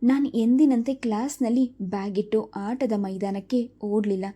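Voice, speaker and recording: A woman narrating an emotional first-person story in a steady, reflective reading. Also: a little high, normal speed.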